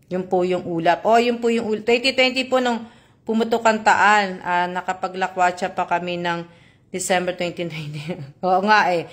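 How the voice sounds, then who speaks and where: A woman from the Philippines, her mid-pitched voice slightly bright, reads viewers' comments aloud during a live stream. Her manner is courteous and talkative, peppered with fillers and tag questions.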